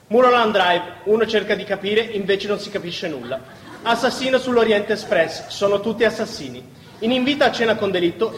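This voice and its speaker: In a theatre, a man performs a live recitation on stage, his voice pitched high for a male speaker. The recording is very echoey, carrying a long hall reverb, with a faint hiss or hum.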